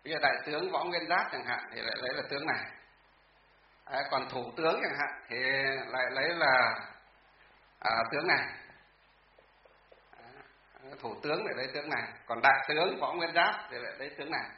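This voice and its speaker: A man's voice: mid-range voice, fairly quick, pauses often. Male teacher, patient and repetitive, muffled lo-fi recording. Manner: patient, repetitive explaining with hesitations. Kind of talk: explaining Chinese characters. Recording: roomy, distant, dull sound.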